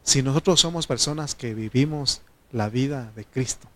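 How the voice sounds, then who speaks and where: Guy preaching a chatty sermon, mid voice, lots of pauses and amens. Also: mid-range voice. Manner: informal, pauses on fillers, frequent amen. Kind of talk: conversational sermon.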